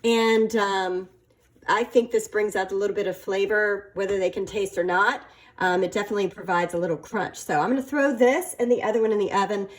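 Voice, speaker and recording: A woman hosting a casual cooking demonstration, talking in a halting way with many fillers and playful, flirty asides. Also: mid-range voice. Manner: halting, filler-heavy delivery. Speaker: cooking video host.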